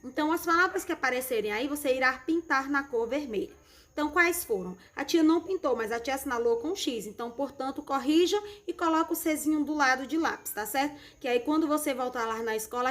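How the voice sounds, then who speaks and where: A woman's voice: high-pitched, fairly bright tone. Affectionate Brazilian schoolteacher woman. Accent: Brazilian Portuguese. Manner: affectionate, repeats words slowly for children. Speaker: primary school teacher. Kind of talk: recorded remote lesson correction.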